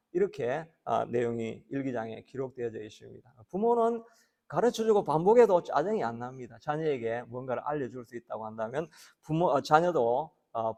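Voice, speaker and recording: Male pastor, middle-aged, slightly high voice, slow plain-spoken sermon, acts out voices in his stories. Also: a little mellow.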